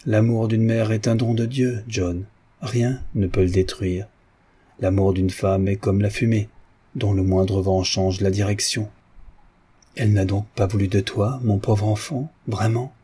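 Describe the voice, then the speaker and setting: A man reading a stern cold old mother, low and muffled. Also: steady tone, measured pace, warm tone, slightly rough. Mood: tender, bitter. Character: stern, cold, proud older mother, fiercely protective.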